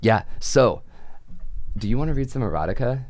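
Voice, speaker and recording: A man's voice: mid-range voice, lively intonation, normal speed, darkish tone. A young man hosting a casual chat show, rambling and chatty, full of fillers and laughs. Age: young adult. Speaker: podcast host.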